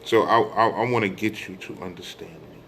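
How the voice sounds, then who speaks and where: Fairly quick and creaky, his voice sits low with a bit of brightness: a middle-aged American man preaching informally to online followers. He speaks with emphasis, repeats phrases and throws out rhetorical questions, and some slight background noise is audible.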